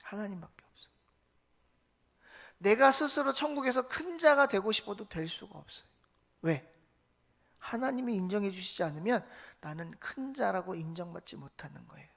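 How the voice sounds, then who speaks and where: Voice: mid-range voice, animated, normal speed, gravelly, a bit bright. Pastor giving an emphatic, colloquial Sunday sermon in church. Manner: emphatic, rhetorical questions, colloquial asides. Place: church sanctuary.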